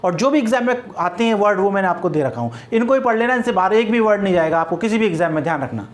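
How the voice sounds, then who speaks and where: A man's voice: high voice, expressive, racing. A male teacher walks his class through a grammar rule. He spells words letter by letter and keeps asking rhetorical questions before answering them himself. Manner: drills students with repeated rhetorical questions.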